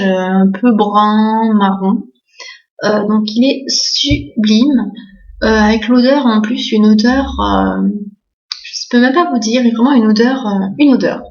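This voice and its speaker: Girl gushing about her shopping haul, bit high, lots of euh and voilà, echoey room, muffled sound. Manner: chatty, many fillers and "voilà"; enthusiastic about bargains. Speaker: beauty vlogger. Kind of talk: casual haul video.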